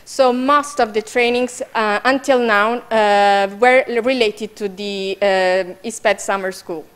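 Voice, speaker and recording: A woman's voice: fairly high pitch, fairly even intonation, takes it slowly, clean tone. A woman with an Italian accent presenting training programs at an information session, hesitant with many fillers.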